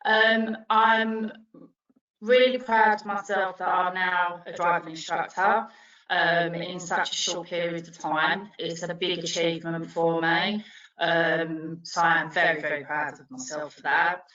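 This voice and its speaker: Woman driving instructor, bright tense voice, hesitant with lots of ums; lo-fi distant echoey audio. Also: on the low side, level tone, measured pace. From Wales. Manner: hesitant, many ums and restarts. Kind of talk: interview answers on a video call.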